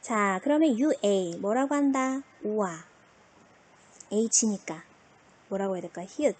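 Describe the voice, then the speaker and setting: Lively woman teacher with a husky voice. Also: medium pitch, takes it slowly. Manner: asks and answers her own questions, lively. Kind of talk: online language lesson.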